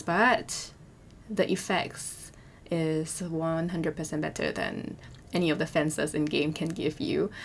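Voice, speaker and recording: A young woman with a hoarse voice, chatting and rambling as a voiceover for her game building video, full of fillers and restarts. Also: fairly low pitch. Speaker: Sims speed-build YouTuber.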